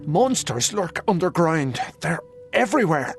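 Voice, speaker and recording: A man's voice: a little high, big pitch swings, measured pace, creaky, faint music behind, exaggerated voice. A man playing an urgent, alarmed lookout warning of danger in a video game. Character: urgent male voice warning of monsters.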